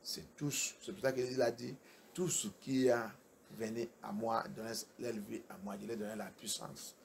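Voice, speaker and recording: A male pastor preaching a sermon with emphatic delivery, repeating key phrases and swinging from soft to loud. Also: lowish voice, fairly even intonation, normal speed, gravelly, a little hiss or hum.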